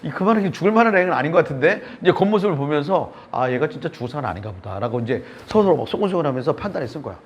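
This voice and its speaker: A man preaching a sermon, telling a personal story in an animated way and acting out the voices of the people in it. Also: fairly high pitch, very fast, hardly any pauses, highs cut off, slight background noise. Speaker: pastor. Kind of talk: sermon testimony.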